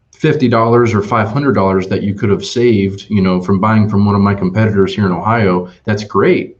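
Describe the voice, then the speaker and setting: Man, low voice, animated sales storyteller, dull lo-fi webinar audio. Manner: animated and emphatic, with many restarts. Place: Ohio dealership office.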